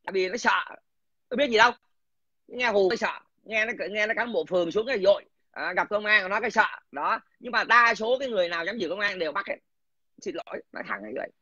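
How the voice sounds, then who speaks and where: A man swears his way through a scornful, aggressive rant. His voice sits high and sounds sharp and tense. The recording is dull and lo-fi, with a dry, close sound. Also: no echo. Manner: crude, aggressive, swearing, addresses listener scornfully. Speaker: political commentator. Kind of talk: casual profane rant.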